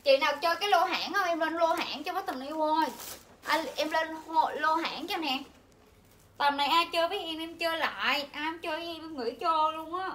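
Young woman hawking clothes on a livestream, high bright voice, bit of room noise. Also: brisk. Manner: chatty, pushy, addresses viewers constantly. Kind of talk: live sales stream chat. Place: indoors, home shop.

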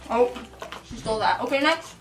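A woman with a fairly high voice chats and teases her way through a snack taste test, quick to react to each treat. Her voice echoes in the room from a distance. Clear music plays underneath. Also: expressive. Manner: chatty and teasing, quick reactions. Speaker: snack box co-reviewer. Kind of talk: casual taste-test chat. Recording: roomy, distant mic with background music.

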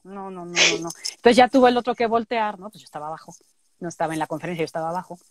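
A woman with a Mexican accent, a voice actress telling stories in a lively way in an interview. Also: lowish voice, rapid-fire, no room sound. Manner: lively, acts out quotes. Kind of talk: casual interview storytelling.

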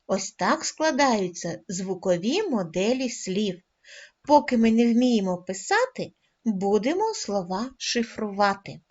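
A woman teaching a lesson to first graders, speaking slowly and deliberately and drawing out each sound for the children. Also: medium pitch, very animated, darkish tone. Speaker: primary school teacher. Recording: dull lo-fi recording.

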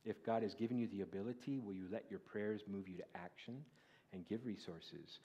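A male guest preacher giving a sermon in a church, asking the congregation questions and rising to loud, high declaiming when he quotes scripture. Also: brisk. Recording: dull lo-fi recording.

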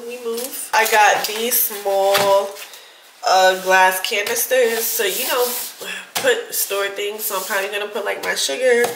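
A vlogger around thirty with a stuffy nose chats casually with viewers about a shopping haul in her apartment, calling them y'all. Her mid-range voice sounds roomy, with a noisy background behind it.

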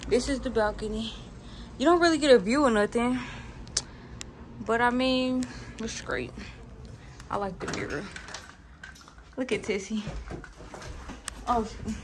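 Strolling through apartment rooms, hallways, and a parking garage, a young adult woman shows viewers around in a slangy, casual vlog shot on a phone held out at arm's length. She pauses at length and speaks at a measured pace in a slightly high voice, and the recording is noisy.

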